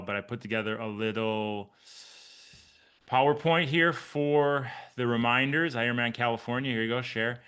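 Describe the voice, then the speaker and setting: A man's voice: mid-range voice, a bit bright, smooth. A man in his forties, a triathlon coach and podcast host, chatting casually and upbeat on a live video call with his team. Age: 40s. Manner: upbeat, chatty, addresses listeners by name.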